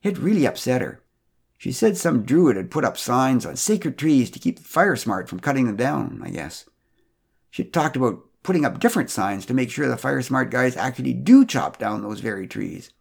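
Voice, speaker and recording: A man's voice: medium pitch, big pitch swings, moderate pace, vocal fry, darkish tone, breathy edge, full character voice. A man voicing a long-suffering older husband neighbor in a storybook podcast. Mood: weary. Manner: urgent, raised and apologetic.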